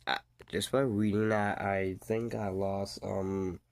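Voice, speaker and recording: A young man reading things out in disbelief, in a casual reaction commentary with halting, rambling delivery. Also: on the low side, level tone. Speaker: video creator reacting to messages.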